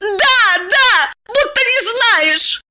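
A woman voicing a distraught, hysterical young woman who cries out in a shrill voice. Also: lively intonation, very slow, pushed and bright, heavily acted. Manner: shrill, crying out.

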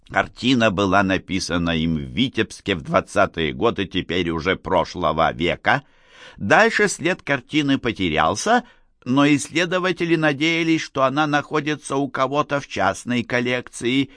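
A man narrating an audiobook with a lively, expressive reading. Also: mid-range voice, no echo, clean studio sound.

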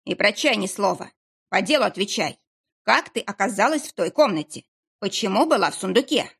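A woman's voice: mid-range voice, lively intonation, a little fast, creaky, a bit bright, slightly rough, exaggerated voice. A woman voicing a menacing, mocking round-faced man interrogating two captives. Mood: mocking menace. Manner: mocking, threatening.

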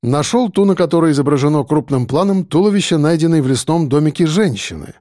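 Man reading an audiobook, calm n steady, slightly high voice. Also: no room sound, studio quality. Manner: calm, measured storytelling. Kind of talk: audiobook narration.

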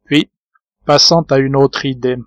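A man reading a novel aloud in measured scripted narration, lightly voicing the characters. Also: mid-range voice, steady tone, no room sound. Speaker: audiobook reader.

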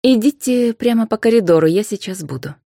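Woman doing a lively young witch. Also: mid-range voice, brisk, vocal fry, dry recording, clean studio sound, voice pushed up. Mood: surprised. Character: young witch, surprised and wry.

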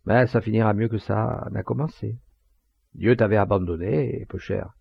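Brief: jovial middle-aged poacher, fatherly and preachy, put on by a male reader; gravelly, dry, lo-fi. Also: normal speed, dry recording, heavily acted. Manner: booming, hearty, sententious.

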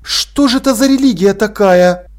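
A man voicing an awkward young prince at school who talks hesitantly and a little gruffly. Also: high voice, moderate pace, voice pushed up, close to an everyday voice.

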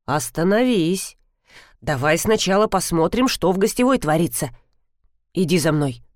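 A woman reading an audiobook, voicing an adult husband who is calm and easily amused. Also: on the low side, normal speed, no echo, studio quality, close to an everyday voice. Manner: calm, then laughing.

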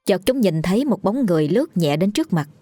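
A woman telling a ghost story in steady, dramatic narration. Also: medium pitch, quick pace, no echo, studio quality, soft background music.

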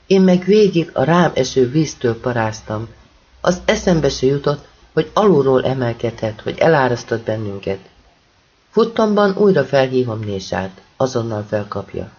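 A man's voice: mid-range voice, sing-song, a little mellow, slightly rough, dull audio. A man reading a first-person audiobook with urgent, intense storytelling. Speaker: audiobook reader.

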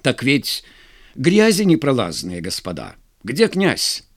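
A man doing a hurried, portly officer courier. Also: mid-range voice, wildly swooping pitch, exaggerated voice. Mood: hasty. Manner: hasty, excusing.

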